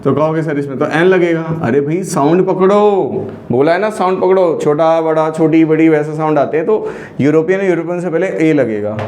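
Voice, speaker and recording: A man's voice: fairly high pitch, moderate pace, warm tone. A man teaching an online grammar lesson, quizzing his students with repeated questions. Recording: echoey room with faint noise.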